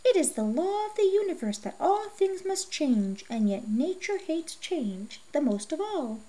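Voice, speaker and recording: A woman voicing a crooked old man in a storybook, creaky and cackling, who talks in cryptic riddles. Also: sits high, sing-song, measured pace, dark tone, pitched above the performer's own voice, rough recording. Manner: cryptic, mysterious.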